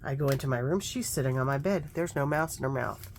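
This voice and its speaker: A woman's voice: extremely low pitch, fast talker, slight background noise. A woman chatting casually while working on a craft journal, telling stories and muttering to herself over her work. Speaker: craft vlogger.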